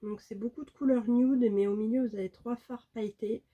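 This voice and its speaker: Chatting to viewers about makeup, a female beauty vlogger sounds eager and relaxed, dropping in plenty of fillers. She talks a little quickly in a slightly high, fairly even voice, and the audio has a phone-like quality.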